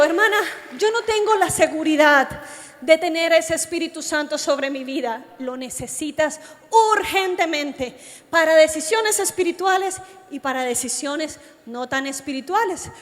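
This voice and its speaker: Her voice high and ringing with the long reverb of a sound system in a big meeting hall, a Colombian woman preaches to young people at normal speed. She tells her testimony as an animated story, speaking straight to the audience.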